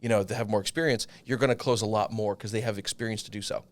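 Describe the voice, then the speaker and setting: A man's voice: lowish voice, steady tone, quick pace. A man hosting a casual podcast, a real estate broker who talks bluntly, swears freely and acts out the people in his stories. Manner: blunt, swears casually, tells stories acting out the other voices.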